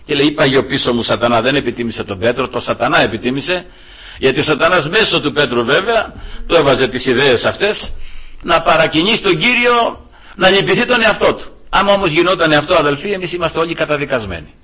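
A man's voice: a little high, expressive, pushed and bright, husky. A male preacher delivering an emphatic sermon, often turning to address the brethren directly.

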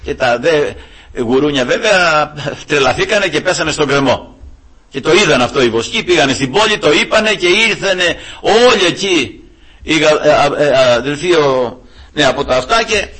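A man's voice: fairly high pitch, a bit bright, husky. A male preacher delivering an emphatic sermon, often turning to address the brethren directly.

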